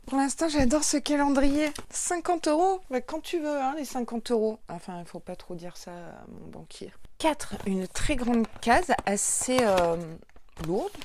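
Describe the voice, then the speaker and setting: A woman's voice: medium pitch, a little mellow. A woman with a French accent, chatting casually through a beauty unboxing and gushing over each item. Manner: bubbly, gushing, with many fillers. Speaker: beauty youtuber.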